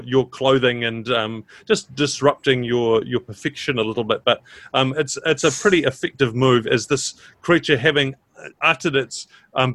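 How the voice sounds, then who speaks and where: A man narrating a tabletop game as game master, halting and pausing mid-sentence as he improvises. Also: mid-range voice, a bit bright, no room sound.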